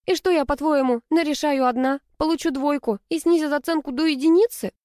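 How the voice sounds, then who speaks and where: A woman's voice: high-pitched, a little fast, a little mellow, no room sound, voice pushed up, natural voice. A woman voicing a hot-tempered young female student who grumbles and complains indignantly, in a dry, close audiobook reading. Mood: sulky.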